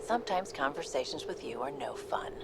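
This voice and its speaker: A man's voice: on the high side, animated, fairly quick, creaky, fairly bright tone, slight background noise. A man playing a frank, wry alien crewmate in video game dialogue. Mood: frank, weary.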